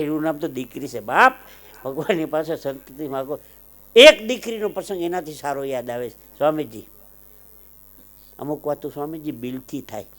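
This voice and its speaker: A man with a Kathiawadi Gujarati accent telling emotional folk anecdotes on stage, swelling loud on some lines and dropping low on others. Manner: dramatic swells, loud declaiming then softer asides. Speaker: folk storyteller and comedian.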